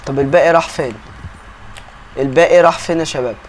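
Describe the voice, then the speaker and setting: A man's voice: a little high, fast, a little hiss or hum. A young man with an Egyptian accent chatting through gameplay commentary, calling out to his viewers all the time. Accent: Egyptian Arabic. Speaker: gaming YouTuber.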